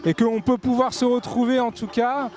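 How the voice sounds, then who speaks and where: A man with a fairly high voice talks casually while visiting an outdoor festival. Music plays clearly behind him. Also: little pitch movement, normal speed, darkish tone. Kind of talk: street interview.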